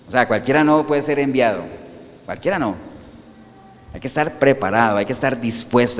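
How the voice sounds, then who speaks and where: A male pastor preaching a sermon, animated, asking the congregation rhetorical questions and answering them himself. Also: mid-range voice, big-room sound.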